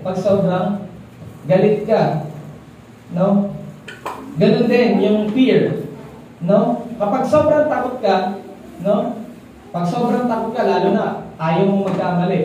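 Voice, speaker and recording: Man, church teacher, chatty sermon, high and mellow voice, distant mic, roomy reverb with faint ambience. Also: a little hiss or hum. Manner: keeps asking listeners for agreement, relaxed and chatty. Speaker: church leader teaching a congregation. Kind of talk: conversational sermon. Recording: echoey, distant mic in a hall.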